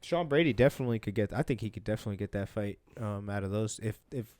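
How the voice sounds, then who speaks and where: A young man co-hosts a podcast, talking casually and ramblingly about fights, full of fillers and restarts. His voice is on the low side with a darkish tone, and he races along. There is no room sound.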